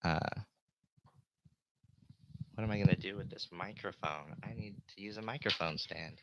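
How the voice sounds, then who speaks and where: A man giving a rambling, hesitant live tutorial, often trailing off and interrupting himself, with a light low-pass filter on his voice. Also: moderate pace, muffled recording, very noisy. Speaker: live streamer and synth tutor.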